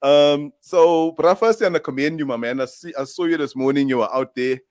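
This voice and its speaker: A man's voice: on the high side, brisk, a little mellow, no echo, clean studio sound. Laid-back Durban-accented man hosting. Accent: South African English, Durban. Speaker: host. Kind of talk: casual chat.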